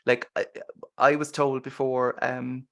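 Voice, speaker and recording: A man's voice: medium pitch, flat delivery, slow pace, creaky, a bit bright. An Irish man hosting a casual film discussion podcast, chatting and recapping scenes. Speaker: podcast host.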